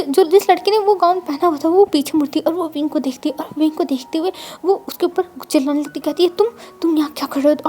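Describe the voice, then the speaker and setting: A woman's voice: high voice, mellow. A woman telling a fan-fiction story in a casual, chatty way, with restarts and meandering asides.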